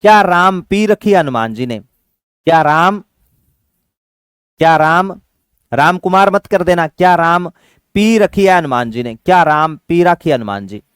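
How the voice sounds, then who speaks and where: Animated and on the high side, a man's fairly bright voice comes through clean and echo-free in an exam-prep lesson. He's paternal with the students, posing questions he answers himself and slowly chanting mnemonic devices.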